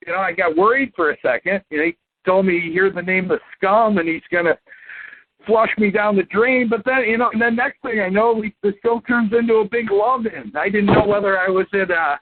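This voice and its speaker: A man's voice: sits high, slight background noise. A man co-hosting a wrestling podcast in casual chat, rambling with lots of fillers and folksy asides. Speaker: podcast co-host. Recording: tinny phone-line audio.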